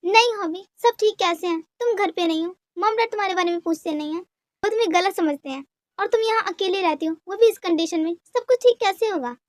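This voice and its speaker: A woman voicing an anxious, caring young woman who is quick to anger, with a pleading, emotional manner, in a fan dub drama. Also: very high voice, dry recording, clean studio sound. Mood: upset.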